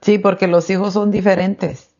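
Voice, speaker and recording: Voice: mid-range voice, level tone, normal speed. A podcast co-host in a parenting talk who listens closely, affirms often, and adds her own points in conversation. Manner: affirming listener, frequent soft acknowledgments. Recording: dull lo-fi podcast audio.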